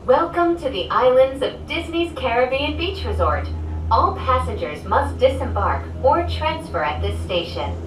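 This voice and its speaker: A woman reading prerecorded, welcoming announcements, heard over a loudspeaker inside a moving cable-car cabin. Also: high voice, big pitch swings, normal speed, over loud music. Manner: cheerful, welcoming. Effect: played over a loudspeaker. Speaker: transit announcer. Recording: echoey, distant loudspeaker over loud vehicle noise.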